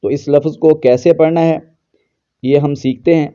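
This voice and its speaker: A man with a deep, mellow and smooth voice teaches Quran pronunciation. He explains patiently and then chants verses slowly as examples. The recording sounds dull and a little lo-fi. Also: steady tone. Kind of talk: tajweed lesson with recitation.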